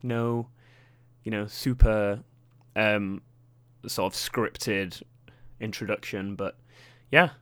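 A young British man with a posh accent chats alone into a close microphone, hosting his own podcast. His voice sits fairly low, and he rambles along with many fillers and self-deprecating asides. The sound is dry, with almost no room around it. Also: steady tone, takes it slowly, fairly bright tone, no echo. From Britain. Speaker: podcast host. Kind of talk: casual solo podcast chat.

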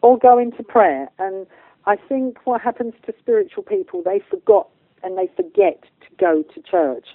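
A woman with a voice on the low side speaks as the guest of a spiritual interview; she is a medium and channeller. Her talk is informal and colloquial, earnest and emphatic. The line is narrow and phone-like, dry, with no room sound.

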